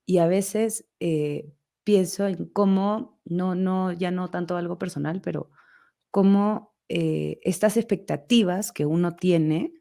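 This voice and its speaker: Young woman co-host, lowish voice; hesitant, thinking-aloud casual chat. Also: slow pace, creaky, mellow. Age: young adult. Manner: hesitant, searching for words, frequent tag questions. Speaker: podcast co-host, art teacher. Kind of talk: casual conversation.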